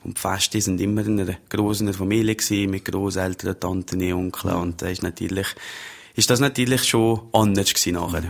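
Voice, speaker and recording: A man's voice: deep voice, steady tone, fairly quick, creaky. A man with an Upper Valais Swiss German accent, an interview guest who tells easygoing, rambling stories about himself. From Upper Valais, Switzerland. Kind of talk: conversational interview.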